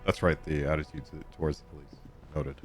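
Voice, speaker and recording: A man's voice: a bass voice, level tone, fast, soft background music. A man commentating a let's play stream, reading dialogue choices aloud and laughing often. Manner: giggly, reads choices aloud.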